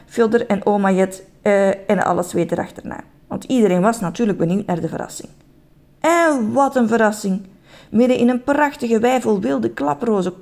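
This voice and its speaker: A woman's voice: on the high side, darkish tone. A woman reading a children's story aloud, with a lilting, lingering delivery.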